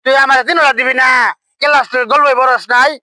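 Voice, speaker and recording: A man with a rural Bangladeshi accent playing a loud, quarrelsome town drunk who whines and blusters in a village comedy skit. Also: extremely high pitch, level tone, fast, dry recording, heavily acted. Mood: angry, blustering.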